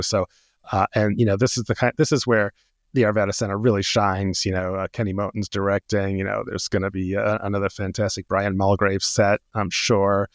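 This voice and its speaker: A man's voice: fairly low pitch, no room sound, clean studio sound. A man co-hosting a theater podcast, talking casually and hesitantly, often repeating words as he goes. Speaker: podcast co-host.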